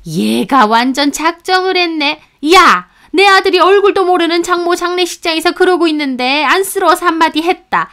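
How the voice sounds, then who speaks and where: A woman's voice: very high voice, moderate pace, few pauses, fairly bright tone, pitched above the performer's own voice. A woman voicing a spiteful older mother-in-law who scolds with sneering contempt. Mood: scolding.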